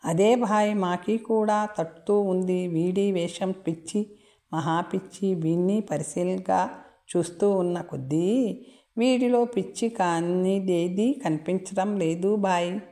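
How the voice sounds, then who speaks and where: A woman voicing a scoffing male soldier who peppers his talk with Hindi words, low and slow. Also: mellow.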